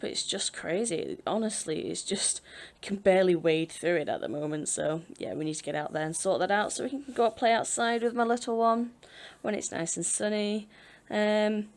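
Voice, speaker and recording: Fairly low-pitched and gravelly, this British woman in her twenties is a Sims speed-build YouTuber chatting over gameplay. She rambles about her build in a chatty, self-deprecating manner, laughing often along the way.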